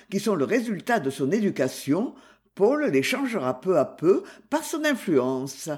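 A reader voicing an anxious, prim older society mother in an audiobook, in a high and fluttery tone. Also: darkish tone. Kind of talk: audiobook character reading.

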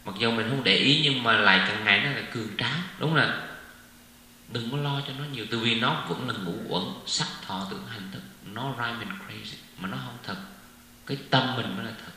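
A man's voice: medium pitch, a little fast, sharp tone. Man preaching in echoey hall. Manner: chatty, keeps asking "right?" of listeners, drops in English words. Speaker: Buddhist dharma speaker. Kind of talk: informal dharma talk. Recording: echoey hall with faint hum.

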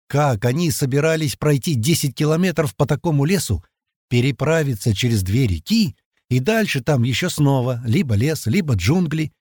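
A man's voice: medium pitch, darkish tone, no room sound, studio quality. A man narrating a first-person audiobook in a casual, slangy manner.

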